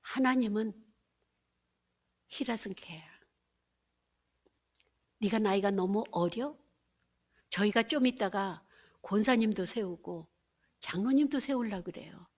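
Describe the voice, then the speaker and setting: A woman's voice: medium pitch, normal speed. A woman pastor in her fifties giving a sermon testimony, telling her story and acting out her own prayers, with English phrases dropped in.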